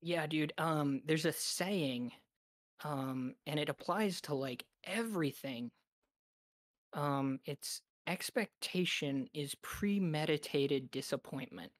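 A woman with a low voice chatting casually on a podcast, recorded close and dry. She talks in a relaxed, hesitant way, filling gaps with ums and likes. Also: slow, dry recording. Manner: relaxed, hesitant with many fillers. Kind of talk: casual chat.

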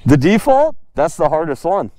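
Riding along a residential street, a young motovlogger keeps his casual vlog chat light, joking and laughing frequently. His voice is warm, a little high and sing-song at a normal pace, captured by a helmet-mounted action camera.

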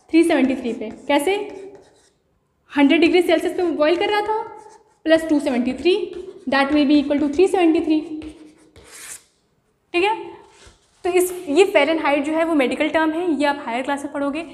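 A woman teacher giving a classroom science lesson, explaining with everyday examples and asking rhetorical questions. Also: sits high. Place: room. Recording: echoey room with long reverb.

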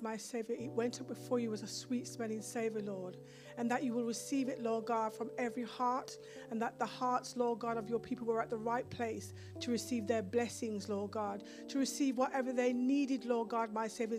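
A woman's voice: on the high side, steady tone, normal speed, over music. A woman minister leading a fervent, repetitive closing prayer on a church stage, speaking into a handheld mic. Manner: fervent, repetitive praying, rising in intensity.

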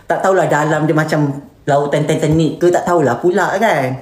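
A woman's voice: deep voice, brisk, darkish tone, a little hiss or hum. A woman with a Malaysian Malay accent, an influencer hosting a live stream, reading viewer comments and answering bluntly, slipping English words into her speech. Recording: roomy echoey room.

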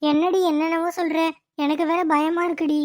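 A woman's voice: extremely high pitch, little pitch movement, brisk, darkish tone. A woman voicing a timid middle-aged mother in a cartoon, nervous and stammering. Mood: fearful. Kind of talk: cartoon voice acting.

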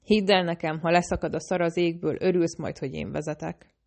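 A woman's voice: lowish voice, fairly even intonation, gravelly, a little mellow. A woman reading the lines of a brash, growling young man in an audiobook. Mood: cocky.

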